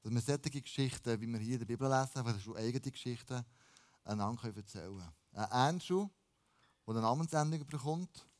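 A pastor preaching a lively, casual sermon and dropping in English phrases. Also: male voice, mid-range voice.

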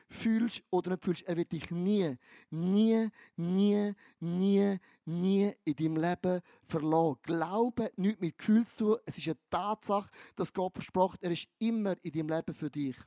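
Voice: mid-range voice, darkish tone, dry recording, clean studio sound. A preacher giving a sermon, talking emphatically with lots of slang and repeating phrases for effect. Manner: emphatic and repetitive, with slang-laden storytelling.

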